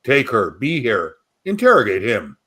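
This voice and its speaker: A man's voice: medium pitch, huge pitch swings, measured pace, fairly bright tone, breathy edge, heavily acted. A man reading the muddled answers of a magic mirror in a spooky story, in solemn, garbled oracle phrasing. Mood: cryptic. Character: cryptic magic mirror spelling out muddled prophecies.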